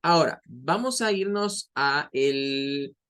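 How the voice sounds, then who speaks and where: A man's voice: a little high, animated, fairly bright tone, smooth. A male English teacher walks through pronunciation step by step. He explains patiently and says each model sound several times, raising his voice when he demonstrates it. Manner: explains slowly, repeats model sounds aloud. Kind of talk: online pronunciation lesson.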